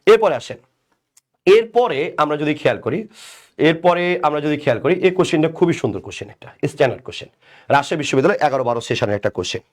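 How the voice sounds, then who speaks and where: A man with a Bangladeshi Bengali accent leads a live online grammar lesson in a fairly high, chatty voice. He keeps posing quick questions and answering them himself, often checking with "right?". Between points he reads out commenters' names and teases them. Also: very animated. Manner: conversational, asks and answers his own questions, repeats "right?"; banters with commenters by name. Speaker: English teacher.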